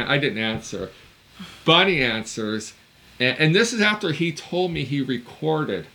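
A man's voice: mid-range voice, bright, forceful tone. A man in his fifties, a certified mechanic and podcast co-host, telling a long story in a blunt, exasperated way and swearing now and then. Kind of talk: casual podcast chat.

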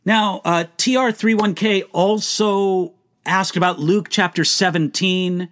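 A man's voice: high-pitched, steady tone, slow pace, a bit bright. A man answering viewer questions as a Bible teacher on a live Q&A, speaking in an emphatic, earnest way and posing rhetorical questions.

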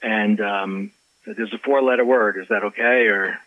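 A man with a fairly low voice and measured pace, an author and life coach, relates a personal story in an interview with animated delivery, acted-out quotes and many restarts. The recording is dry and slightly dull, with a lo-fi character.

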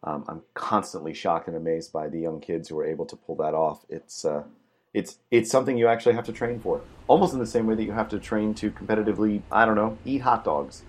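A man's voice: on the low side, quick pace, slight background noise. A man co-hosting a casual gaming talk show, joking with a dry, sarcastic humor. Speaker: podcast co-host. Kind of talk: casual chat.

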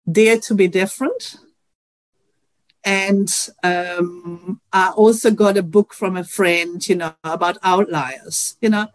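A middle-aged Dutch woman from the Netherlands, an engineering professor with a mid-range voice, answers interview questions earnestly and reflectively. She uses many "you know" fillers, and the recording is dry.

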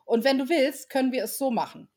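A woman's voice: high voice, brisk, darkish tone, pitched above the performer's own voice. Storybook Father Christmas, jolly and coaxing, read by a woman. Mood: cheerful. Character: friendly, playful male Father Christmas.

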